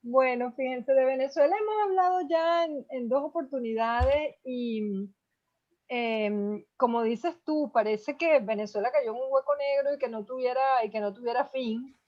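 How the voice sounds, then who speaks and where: Woman panelist, relaxed self-deprecating chat, dull video-call recording. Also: sits high, measured pace. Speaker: panel guest, astrologer.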